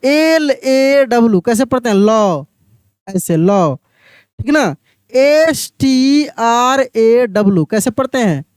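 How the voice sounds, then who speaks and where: High, smooth-voiced man drilling English words. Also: no room sound, clean studio sound. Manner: drills each word, asks and answers his own questions; slows down to spell out letters one by one. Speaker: English teacher. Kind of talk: online spoken-English lesson.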